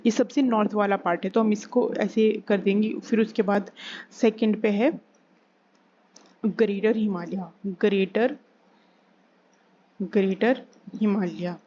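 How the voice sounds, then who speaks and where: A woman teaching an exam-prep geography lesson, repeating key terms slowly and asking and answering her own questions. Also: mid-range voice, fairly even intonation, warm tone. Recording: slightly dull recording with faint hiss.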